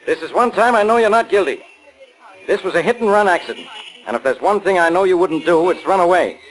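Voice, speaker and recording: An American actor playing a gruff, exasperated police inspector who barks orders brusquely in 1940s radio style. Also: male voice, sits high, animated, fairly quick, rough recording. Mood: insistent, exasperated. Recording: vintage 1940s radio recording.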